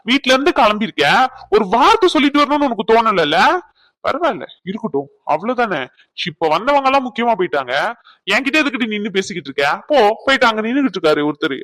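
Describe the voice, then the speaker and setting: A man's voice: high-pitched, pushed and bright, no room sound. A man playing a hot-tempered, sarcastic young cousin. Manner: scolding, sarcastic, theatrical. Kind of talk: cartoon skit dialogue.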